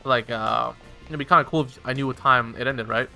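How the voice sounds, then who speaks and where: A young man with a bright, forward voice tells a long, meandering story in a loose, swearing, filler-packed way. Faint game music plays quietly behind him. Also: medium pitch, fairly quick, creaky. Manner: rambling, profane, filler-heavy. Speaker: streamer telling a story. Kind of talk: casual storytelling while gaming.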